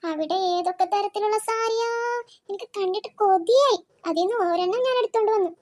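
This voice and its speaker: A woman voicing a brisk, scolding adult mother in a cartoon, speaking lower than the girl figure. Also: a little mellow. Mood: chatty. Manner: chatty, scolding. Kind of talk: cartoon voice acting.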